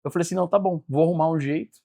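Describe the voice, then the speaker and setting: A high-pitched man, telling his life story in a podcast interview. He acts out every quoted line with feeling. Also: rapid-fire, creaky. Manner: animated storyteller acting out quoted dialogue. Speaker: guest, business mentor.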